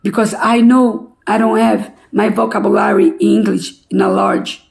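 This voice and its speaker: An older woman from Brazil with a Brazilian Portuguese accent, giving an emotional personal testimony in halting, broken English. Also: medium pitch, steady tone, gravelly, darkish tone.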